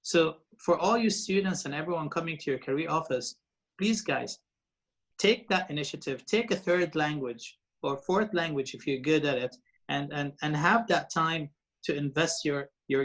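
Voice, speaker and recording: As a guest in an interview, a man in his forties rambles through casual stories, full of fillers and restarts. He grew up in Lebanon, speaks Arabic natively, and is a radio presenter and TV host; his voice is on the high side, fairly bright, at normal speed.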